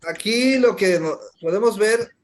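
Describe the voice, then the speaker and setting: A man's voice: sits high, unhurried, slight background noise. A man preaching a sermon, emphatic, often calling his listeners brothers.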